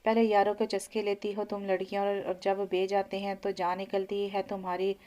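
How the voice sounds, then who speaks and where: A hard, contemptuous woman barks insults at a captive girl, voiced by a woman narrator. Her scolding tone stays narrow in pitch, without big swings. This is a spoken-novel character, read plainly. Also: completely flat delivery, brisk, dark tone, lightly acted. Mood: scornful. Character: harsh, scornful woman brothel attendant.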